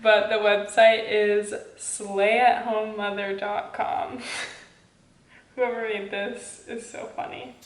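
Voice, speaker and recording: A woman talking casually in a book vlog, chatty and quick to laugh, often saying "like". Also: mid-range voice, level tone, far from the mic. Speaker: book vlogger. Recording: roomy, from a little off-mic.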